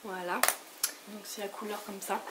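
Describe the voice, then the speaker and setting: Hoarse French woman chatting about makeup. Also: mid-range voice, flat delivery, moderate pace. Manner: rambling, lots of fillers and restarts. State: sick, hoarse voice. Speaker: beauty vlogger. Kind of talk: casual makeup haul chat. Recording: noisy home recording.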